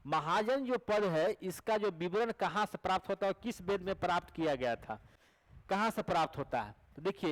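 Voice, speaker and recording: A male teacher with a Bihari Hindi accent leads an exam prep lecture in a high voice. He repeats each question and answer, asking rhetorical questions to check that his students recall them. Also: rough recording.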